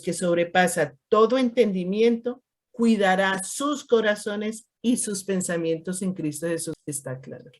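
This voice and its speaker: A woman teaching scripture to a small group, in a voice pitched right in the middle. She talks it through casually, stacking rhetorical questions and slipping into the voices of people she quotes. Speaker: Bible study teacher. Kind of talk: conversational Bible teaching.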